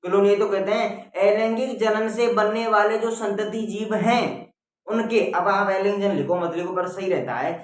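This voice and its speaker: A man with a somewhat high voice teaches biology in a very echoey classroom, recorded from a distance. He repeats key points and keeps checking that the students follow, calling them "beta". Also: fairly even intonation, moderate pace. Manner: repetitive, checks with "theek hai?". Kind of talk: classroom-style lecture. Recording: very echoey room, mic far off.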